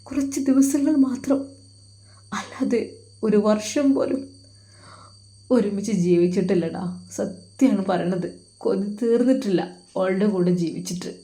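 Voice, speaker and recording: A woman's voice: mid-range voice, dark tone, echoey room, close to an everyday voice. A woman voicing a young husband who weeps as he talks of his wife. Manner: sobbing, pleading. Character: young man, crying, heartbroken husband.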